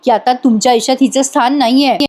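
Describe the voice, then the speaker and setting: A woman voicing a young wife's calm, determined inner thoughts. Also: high-pitched, quick pace. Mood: resolute. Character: young wife, quietly determined, thinking aloud.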